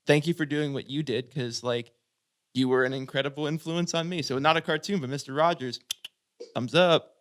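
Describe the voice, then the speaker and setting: A man's voice: on the high side, fairly even intonation, normal speed. A man guesting on a podcast, talking earnestly and gushingly, with lots of "like". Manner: earnest, gushing, uses "like" a lot. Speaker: band member guest. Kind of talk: casual chat.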